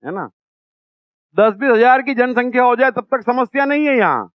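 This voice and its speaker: An eager mosquito minister from a spoken fable makes a persuasive pitch, voiced by a man. His voice is high and clear. The recording is dry and a bit dull. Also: expressive, normal speed, no echo.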